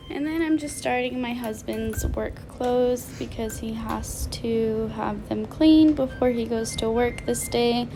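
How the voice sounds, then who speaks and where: A woman's voice: fairly high pitch, a little slow, hardly any pauses, over music. A young adult woman chatting casually as a stay-at-home mom vlogger, in an informal, self-interrupting way. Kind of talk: casual vlog chat and narration.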